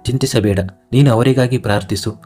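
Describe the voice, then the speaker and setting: A man voicing a caring, protective young husband from a storybook, asking softly and with concern. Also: medium pitch, fairly even intonation, brisk, faint music behind, lightly acted.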